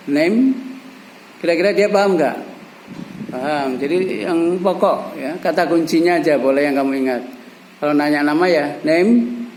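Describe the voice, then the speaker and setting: A man's voice: on the high side, darkish tone, slight background noise, rough recording. A middle-aged man teaching an English class, coaxing his students with repeated examples and prompting questions. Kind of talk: classroom language lesson.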